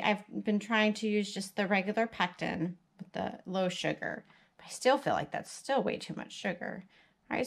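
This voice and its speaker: A woman's voice: medium pitch, fairly bright tone, low-quality recording. A woman casually narrating a home cooking project in her kitchen, practical and chatty, thinking aloud as she works. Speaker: home cook and homesteading vlogger. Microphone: camera mounted above the stove and counter.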